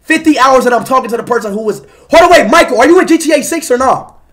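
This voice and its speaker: A young man talks into a headset from a small room, his voice very high and jumping all over the place. He is excitable, yelps and shouts, and swears through loose, casual chat. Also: quick pace. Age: young adult. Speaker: streamer. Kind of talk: loud casual chat on a live video call. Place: small room indoors at a desk. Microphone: headset mic.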